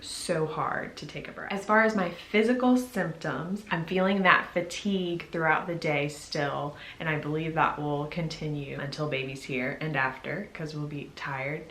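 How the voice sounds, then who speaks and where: A woman's voice: sits low, fairly bright tone. Chatty pregnant woman in an echoey room. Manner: chatty and upbeat, speaks straight to viewers. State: pregnant, a little out of breath. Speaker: pregnancy vlogger. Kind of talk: casual vlog update to camera.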